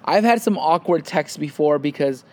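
A young adult man co-hosts a casual chat podcast in a slightly high voice at normal speed. He tells stories in an animated way and acts out what people said.

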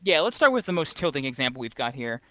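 A man hosting a casual gaming podcast, energetic and joking, laughing often. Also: medium pitch, quick pace. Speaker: podcast host.

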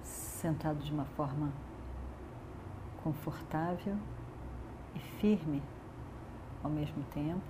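A woman guides a meditation in a soothing, calm manner, leaving long pauses between short phrases. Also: low voice, noisy background.

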